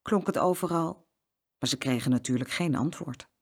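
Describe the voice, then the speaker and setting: A woman narrating a children's story in a lilting, expressive way. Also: low voice, normal speed, breathy edge.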